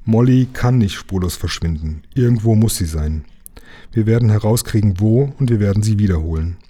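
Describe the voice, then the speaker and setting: Lukas, gruff steady engine driver, voiced by a man. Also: fairly low pitch, moderate pace, natural voice. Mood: comforting. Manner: gruff, grumbling. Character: burly good-natured engine driver, calm and steady.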